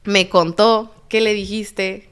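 Smooth-voiced Mexican woman telling a story. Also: mid-range voice, slow. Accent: Mexican Spanish. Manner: animated, acts out quoted dialogue. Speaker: guest telling her story. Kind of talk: casual podcast storytelling.

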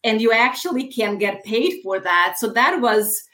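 A woman's voice: a little high, expressive, a little slow, sharp tone. A woman in her thirties from Bosnia, a career coach answering interview questions in a friendly way with hesitant restarts.

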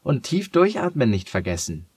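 A man with a husky voice voicing a cheerful, kind young girl who wears leg braces, in a storybook reading. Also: mid-range voice, very animated, normal speed, dry recording, pitched above the performer's own voice. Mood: encouraging. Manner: bright, coaxing storybook girl voice.

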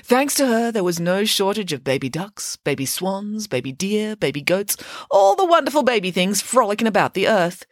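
A woman's voice: mid-range voice, very animated, moderate pace, dry recording, clean studio sound, pitched above the performer's own voice, lightly acted. A woman voicing a grand, vain, cake-loving female pig nanny who boasts in a theatrical way. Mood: grandly boastful.

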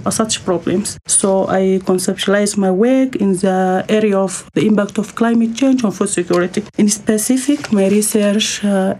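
Mellow woman with a Sudanese accent. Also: mid-range voice. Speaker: guest researcher, PhD student. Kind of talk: interview, explaining research.

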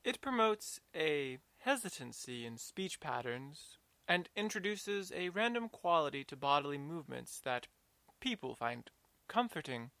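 A woman voicing a polite, earnest young male robot student who speaks in a calm, plain way with a faint hesitancy. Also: sits low, a little slow, no echo, voice pushed down, heavily acted.

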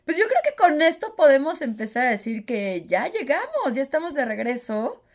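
Una mujer de unos treinta años con acento mexicano, copresentadora de un pódcast, que habla animada y rápida entre risas. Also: female voice, high voice. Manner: animated, quick, laughing. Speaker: podcast co-host. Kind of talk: casual chat.

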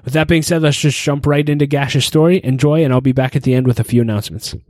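Upbeat podcast host, dry close sound. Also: male voice, mid-range voice, steady tone, quick pace, darkish tone, no room sound. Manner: upbeat, promotional. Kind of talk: scripted podcast intro and interview.

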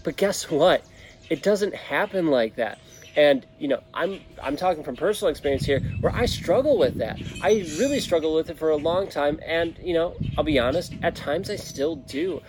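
A man's voice: on the high side, expressive, normal speed, over music, low-quality recording. A man hosting a motivational podcast in a casual, earnest, encouraging way, speaking outside in an open backyard. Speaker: host of a podcast and vlog show. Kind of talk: casual motivational talk to listeners. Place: outdoors in a backyard, open air. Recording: outdoor ambience with clear background noise. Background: birds, occasional traffic, some wind.

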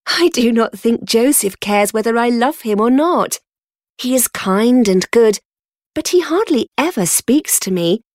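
A woman voicing a sweet, gentle young woman from a wealthy family, reading her lines in an eager, affectionate way. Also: fairly high pitch, animated, a little slow, no echo, clean studio sound.

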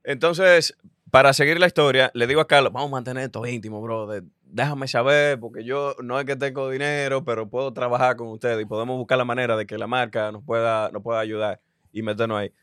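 A man's voice: mid-range voice, fairly even intonation, brisk, a bit bright, smooth, dry recording, studio quality. A man with a Dominican accent hosting a casual podcast chat, telling stories and laughing often. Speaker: podcast host.

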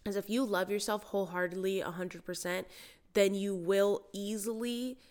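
A woman's voice: mid-range voice, steady tone, normal speed, a little mellow. Stuffy-nosed woman chatting on a podcast. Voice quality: stuffy, congested nose. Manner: chatty, informal. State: has a cold. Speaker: podcast host and mindset coach. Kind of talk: casual solo podcast talk.

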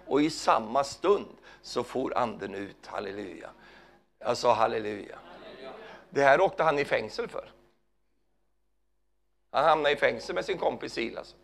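Male preacher, mid-pitched with a gravelly rasp, fervent sermon delivery, frequent hallelujahs, big swings from loud to hushed.

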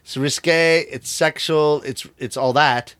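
In an unhurried, smooth voice on the high side, with no room sound, a middle-aged rakugo storyteller talks casually in an interview. He brings his tales to life by acting out the voices of the people in them.

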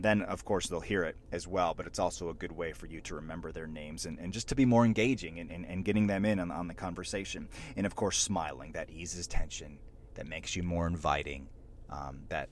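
Deep-voiced man coaching presentation skills. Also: a little hiss or hum. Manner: energetic, many restarts, punches the last word. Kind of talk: casual instructional talk.

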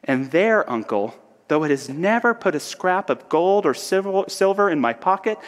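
Cheerful young nephew, high and eager, put on by a man reading aloud, long reverb behind. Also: animated, moderate pace. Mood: earnest. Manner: bright, pleading, earnest.

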